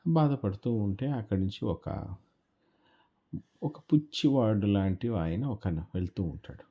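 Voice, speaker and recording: A man telling a children's story in a relaxed, repetitive oral style. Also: lowish voice, a little slow, husky, muffled recording. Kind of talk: casual children's story narration.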